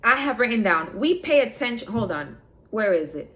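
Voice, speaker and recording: A woman acting as a spiritual reader gives a preachy, inspirational reading straight to her viewers. Her voice is on the high side, sing-song and a bit bright, at a normal speed. She rambles and loses track of her notes as she goes.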